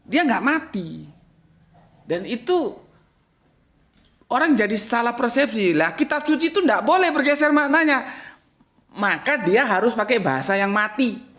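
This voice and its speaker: A man teaching Islamic studies gives a casual religious lecture, blunt and full of slang, swinging from loud, emphatic bursts to low muttered asides. He is very animated, speaks a little slowly and pauses often.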